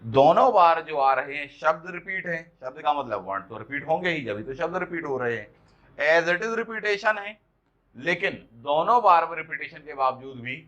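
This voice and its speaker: Male exam-prep teacher, fairly high, bright voice, explanatory, quizzing the class, dull lo-fi sound. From India. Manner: explanatory, checks understanding with questions; reads example lines slowly and deliberately.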